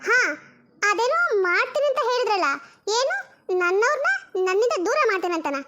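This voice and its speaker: A woman's voice: very high-pitched, lively intonation, a little fast, a bit bright. A woman voicing an indignant young woman who defends herself and reassures her family.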